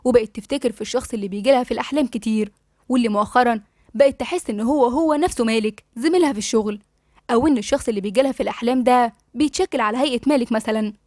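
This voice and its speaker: Egyptian woman reading a novel aloud, high voice, dry close mic. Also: darkish tone, no room sound. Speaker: storyteller. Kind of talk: audiobook novel narration.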